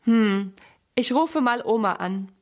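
A woman voicing a patient, gentle mother in a children's story. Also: a little high, animated, takes it slowly. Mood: kind. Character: calm, caring mother.

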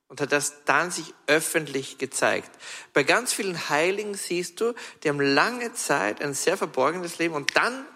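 A man preaching a sermon, telling stories in a chatty, lively way with frequent restarts and asides. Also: on the high side. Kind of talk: storytelling sermon. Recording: long hall reverb.

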